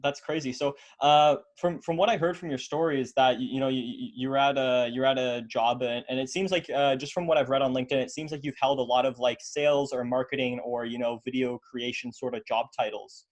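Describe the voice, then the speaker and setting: Fast-talking eager podcast host, man. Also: mid-range voice, little pitch movement. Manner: filler-heavy, repeats words, eager. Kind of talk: casual interview.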